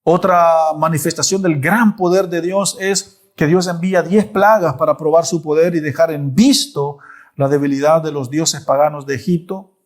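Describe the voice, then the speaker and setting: Animated preacher with a higher voice. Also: male voice, normal speed. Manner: animated storytelling with repeated asides. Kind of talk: Bible study sermon.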